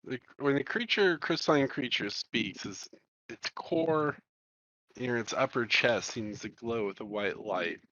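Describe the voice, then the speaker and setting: A man narrating a tabletop game at a slow, unhurried pace, with a bright, sharp tone. His voice is dry and close, and the recording sounds dull and lo-fi. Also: mid-range voice, lively intonation, dry recording. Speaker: game master.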